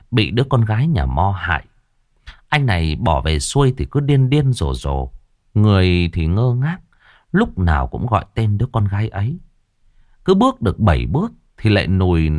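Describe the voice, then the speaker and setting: A man narrating a horror story in a lively, vivid way. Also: no room sound, studio quality. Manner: lively, vivid telling with varied pitch.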